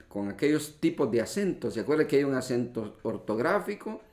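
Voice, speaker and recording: A man's voice: mid-range voice, a little mellow. Echoey male preacher, teaching tone. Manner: teacherly, explains word meanings and spelling rules; addresses listeners often as brothers. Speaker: pastor. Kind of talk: sermon. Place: church hall. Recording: echoey church livestream.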